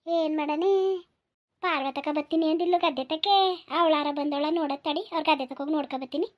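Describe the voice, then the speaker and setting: A woman doing a fretful village wife in a homemade cartoon, voice set very high, with a rural Mysore-Mandya Kannada lilt. She sighs and frets as she speaks, every phrase coming out worried and searching. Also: quick pace, lightly acted. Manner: fretful, repeated sighs of "ayyo". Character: village woman looking for her husband, fretful. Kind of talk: cartoon voice acting.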